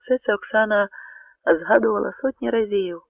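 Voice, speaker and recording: A male storyteller reads a dramatic tale, dropping to hushed tones and then pressing hard on key words. His voice sits a little high for a man, with gravel and a husky edge. The sound is narrow and phone-like, close and dry. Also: steady tone, normal speed, dry recording. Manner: dramatic, swinging between hushed and emphatic. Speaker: narrator. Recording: narrow tinny radio recording, dry.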